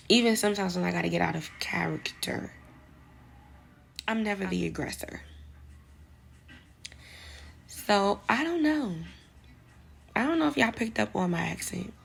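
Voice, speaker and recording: Speaking straight to viewers in her advice vlog, this young woman has a New York accent and a mid-range voice that's gravelly and slightly rough. She's chatty and fills her speech with "like."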